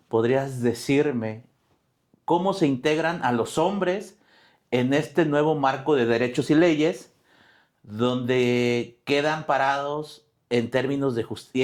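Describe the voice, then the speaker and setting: A man hosting a podcast interview, asking measured questions and agreeing with his guest. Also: medium pitch. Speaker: podcast host.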